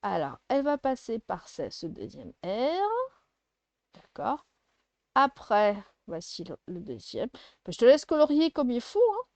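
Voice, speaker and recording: A woman's voice: on the high side, huge pitch swings, a little slow, a little mellow, no echo. A woman teaching a first-grade phonics lesson, patiently sounding out syllables and letter sounds for a child.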